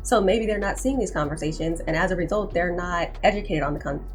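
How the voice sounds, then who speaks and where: Young woman, commentary host, lowish pitch, insistent and emphatic, faint music underneath. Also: brisk. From United States. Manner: emphatic, insistent, repeats herself for stress. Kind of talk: opinion commentary to camera.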